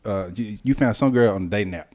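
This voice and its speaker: A young man co-hosting a podcast, chatting casually, laid-back and joking, getting animated when he tells a story. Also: fairly low pitch, quick pace. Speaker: podcast co-host. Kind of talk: casual chat.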